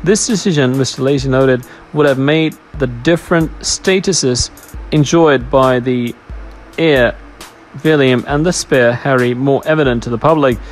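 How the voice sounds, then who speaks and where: A man with a medium-pitched, slightly slow voice reads a scripted royal news narration, stumbling now and then. The recording is rough, with background music playing behind him.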